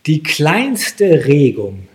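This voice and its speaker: A man preaching a sermon, slow and emphatic, his voice lifting sharply on the key phrases. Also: fairly high pitch, huge pitch swings, darkish tone.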